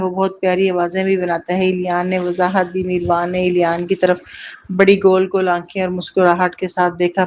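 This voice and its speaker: An audiobook narrator reading a novel episode in a steady, unhurried way. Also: mid-range voice. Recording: dull lo-fi recording.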